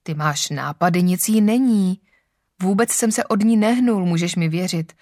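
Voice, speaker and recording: A woman reading the lines of an older baron and father who speaks quietly and gently. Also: fairly low pitch, dry recording, clean studio sound, close to an everyday voice. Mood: gentle.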